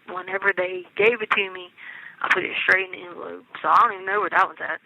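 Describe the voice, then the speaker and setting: A middle-aged American woman, an inmate, talks casually on a recorded jail phone call over a tinny, narrow line. Her lowish voice is steady, fast, and sharp-toned. She's colloquial and insistent, often checking that she's understood.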